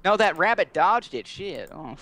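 A woman chatting while she plays a game with friends, swooping up and down in pitch as she eggs everyone on. She keeps a casual, excitable stream chatter going. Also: moderate pace. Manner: excitable, urging others on. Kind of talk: casual gaming chat.

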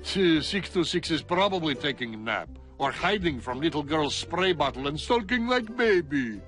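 A man's voice: on the high side, big pitch swings, normal speed, fairly bright tone, faint music behind. An actor playing a scheming male alien mad scientist who speaks in broken grammar with a thick foreign-sounding voice. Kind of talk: cartoon voice acting.

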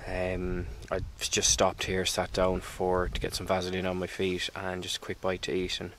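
A man's voice: sits low, completely flat delivery, moderate pace, a bit bright, slight background noise. A man in his thirties talking casually to a handheld camera on an outdoor trail, rambling candidly with fillers and restarts. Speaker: hiker vlogger. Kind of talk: casual walking vlog to camera. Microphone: handheld camera at arm's length.

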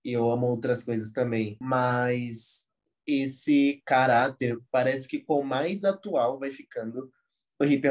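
A young man from Brazil with a Brazilian accent, a dancer telling stories as a guest in a casual interview, relaxed and slangy with many fillers. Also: mid-range voice. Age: young adult. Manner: relaxed slangy talk full of fillers like "tipo" and "assim".

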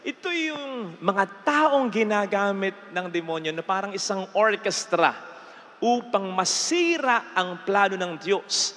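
A young Filipino priest giving an animated homily on a handheld mic in a large church, mixing English phrases in and slowing down to stress key lines. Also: male voice, high-pitched, big-room sound. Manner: animated, gesturing with raised arm. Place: large church sanctuary before an altar.

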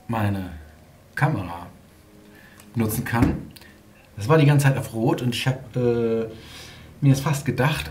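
In a casual vlog, a man with a medium-pitched, slightly mellow voice chats to his viewers, rambling and thinking aloud. Ambient background noise is clearly audible.

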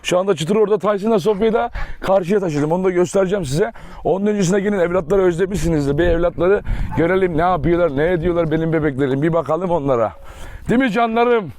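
A young man whose voice is high and darkish leads a relaxed outdoor tour of his dog farm for viewers. He speaks fast and lovingly baby-talks to his dogs again and again.

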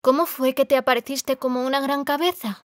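A woman's voice: high-pitched, steady tone, fairly quick, no room sound, studio quality, voice pushed up, lightly acted. A woman voicing an earnest young girl who speaks insistently in an audiobook.

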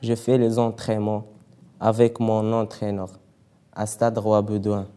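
A teenage boy from Morocco reads a letter aloud, plainly and evenly. His voice is low and flat, with a mellow tone. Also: a little slow. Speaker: student reading a letter. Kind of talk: reading aloud.

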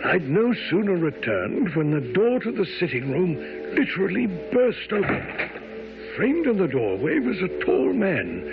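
An actor playing an earnest gentleman doctor, narrating a radio drama with measured, dramatic storytelling. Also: sits high, huge pitch swings, vocal fry, music in the background, heavily acted. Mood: earnest, absorbed. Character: earnest gentleman doctor, the detective's loyal companion. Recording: dull old radio broadcast.

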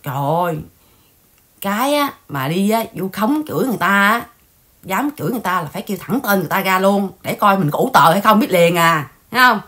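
A woman's voice: mid-range voice, lively intonation, quick pace, a bit bright. Scolding Vietnamese-American woman host. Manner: scolding, mocking gossip. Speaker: channel host. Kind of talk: casual livestream chat.

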